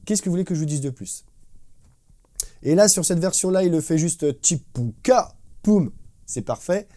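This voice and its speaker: A man's voice: fairly high pitch, moderate pace, mellow. A man teaching a casual drum lesson, enthusiastic and slangy, imitating drum fills with spoken syllables. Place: drum studio. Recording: drum music playing behind the voice.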